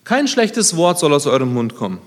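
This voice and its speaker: Animated preacher in a reverberant hall. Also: male voice, normal speed. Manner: lively, shifts between loud emphatic and quiet low lines; conversational, self-deprecating asides. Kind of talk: sermon.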